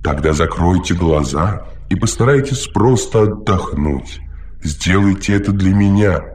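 A man's voice: deep voice, lively intonation, a little slow, darkish tone. A man reading an audiobook, voicing a fussy, over-solicitous male machine caretaker who lectures and talks too much.

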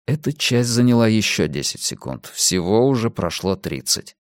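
A man's voice: on the low side, big pitch swings, normal speed, dry recording, clean studio sound. A man narrating an audiobook in a tense, urgent storytelling manner. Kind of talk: audiobook reading.

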